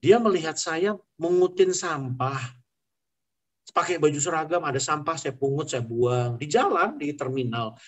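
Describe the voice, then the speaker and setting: A man's voice: fairly high pitch, measured pace. A man, an airline pilot telling his faith testimony in an earnest, conversational way, slipping in English phrases.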